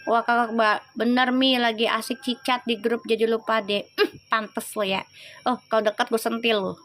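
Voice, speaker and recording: A woman's voice: on the high side, flat delivery, normal speed, a bit bright, no echo, soft background music. A woman reading tarot on a livestream, chatting in slang and teasing her viewers. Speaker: tarot reader.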